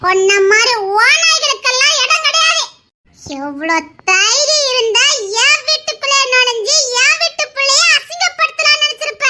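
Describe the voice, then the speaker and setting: High-voiced performer doing a fierce young guy threatening an intruder, tirunelveli tamil, very high shrill voice. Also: pushed and bright, heavily acted. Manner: taunting, menacing, mocking laughs. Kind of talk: family skit acting.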